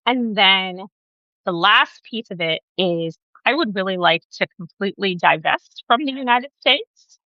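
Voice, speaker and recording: A woman born in Guyana, talking as an interview guest in a relaxed, conversational way and often adding "right?" to her points, over a video call. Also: mid-range voice, unhurried, no echo, highs cut off. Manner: conversational, frequent "right?" asides.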